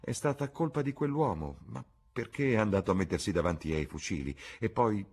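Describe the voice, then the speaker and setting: A man reading aloud, voicing a cynical aristocratic gentleman who speaks slowly and coolly. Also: lively intonation, husky. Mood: dismissive. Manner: slow, low, drawling.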